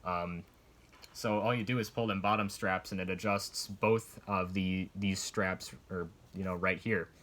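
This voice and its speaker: A man's voice: low-pitched, steady tone, measured pace, a bit bright. A man giving a casual, unscripted show-and-tell review in a rambling, hesitant way, hedging as he explains. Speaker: collector reviewing military surplus gear.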